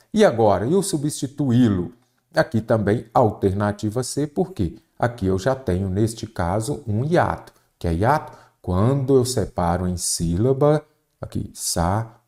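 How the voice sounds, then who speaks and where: Low-voiced Brazilian man teaching grammar. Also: dark tone. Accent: Brazilian Portuguese. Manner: explains step by step, asks and answers his own questions. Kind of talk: exam-prep grammar lesson.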